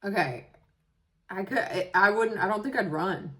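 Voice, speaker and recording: A woman's voice: mid-range voice, animated, moderate pace, bright, forceful tone. A woman co-hosting a casual comedy podcast, bantering playfully and often laughing. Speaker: podcast co-host.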